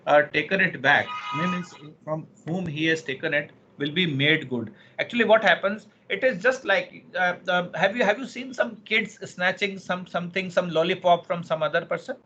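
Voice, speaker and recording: A man with an Indian accent gives an interactive online law lecture, often repeating phrases and asking questions to check that students follow. His voice sits high with a sharp tone, moving at normal speed with hardly any pauses, over muffled, clearly noisy class audio.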